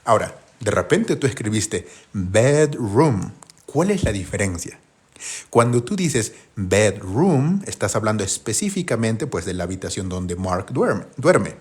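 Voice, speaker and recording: A husky, lower-pitched man giving a live grammar lesson. He walks through each step by posing questions to his viewers and answering them himself, with a lively, rising and falling delivery. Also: unhurried. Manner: patient, step-by-step explaining. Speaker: English teacher.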